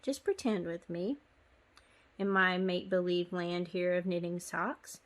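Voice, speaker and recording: A woman talks through a sock-knitting lesson in a relaxed, conversational way. She is chatty and a little apologetic, and fills her pauses with ums. She sounds like she is recording herself on a phone. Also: fairly low pitch. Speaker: knitting tutorial host. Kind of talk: casual step-by-step knitting tutorial.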